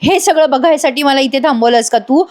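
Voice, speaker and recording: A woman's voice: high-pitched, fairly quick, darkish tone, voice pushed up, lightly acted. Woman voicing a defiant young bride. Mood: angry.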